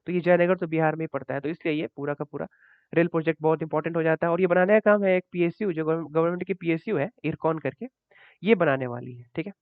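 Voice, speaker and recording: An exam coaching teacher covers current affairs over slides, his high-leaning voice moving at a quick pace. He talks conversationally, repeating points and checking in with "ठीक है", and the audio is dry and tinny, like a phone.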